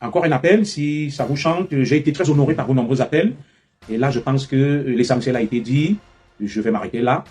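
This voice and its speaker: A tired man hosts a live call-in and speaks in measured, repetitive phrases. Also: medium pitch, darkish tone, slightly rough, soft background music. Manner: measured, repeats himself, closes with "voilà". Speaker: live-stream host taking calls.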